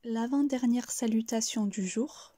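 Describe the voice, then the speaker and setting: A woman giving a careful pronunciation lesson, breaking each word into syllables in a soft, breathy delivery. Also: on the high side, measured pace, no echo. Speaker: French pronunciation teacher.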